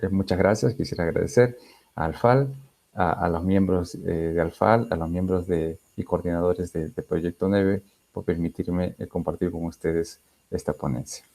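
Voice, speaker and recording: A man's voice: low-pitched, fairly even intonation, moderate pace, gravelly, mellow. A male researcher giving an academic conference talk, hesitant, with many fillers and restarts. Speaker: linguistics researcher presenting a conference paper.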